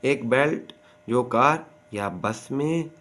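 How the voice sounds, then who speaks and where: A man's voice: mid-range voice, fairly bright tone. A man with a Pakistani accent teaching a grade-school textbook exercise, reading each sentence carefully and then translating it. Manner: deliberate, reads English lines slowly, then explains. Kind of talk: slow bilingual lesson, reading then translating.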